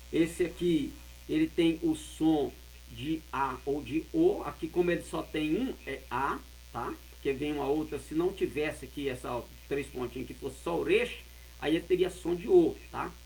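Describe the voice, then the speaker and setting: A man teaching a lesson, explaining and repeating words slowly and carefully. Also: on the high side, vocal fry, a little hiss or hum, rough recording. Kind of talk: explaining Hebrew words of a Bible verse.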